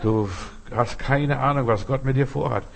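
Male pastor preaching, mid voice, repeats himself for emphasis, talks straight to you, slows down on the big lines. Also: mid-range voice, vocal fry. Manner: preaching with repetitive emphatic phrasing, addressing listeners as du. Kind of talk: sermon.

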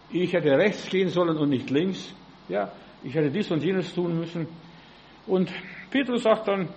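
A man's voice: on the high side, darkish tone, slight background noise, low-quality recording. A male preacher giving a sermon, peppering his talk with "ja" and asking his listeners direct questions. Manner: acts out biblical voices in quotes.

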